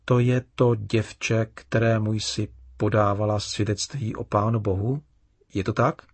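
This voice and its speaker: A man voicing a kind, patient father in a children's story, calm and explaining. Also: on the low side, slightly rough, no room sound.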